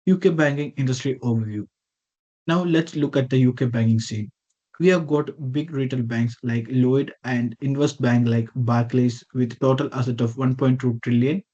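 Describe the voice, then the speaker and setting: A man gives a scripted slide presentation over a video call. His voice is dark and mellow. The call audio sounds dull and muffled, and he reads with small slips that he corrects as he goes. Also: mid-range voice, moderate pace. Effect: heard over a video call. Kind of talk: reading a prepared slide presentation.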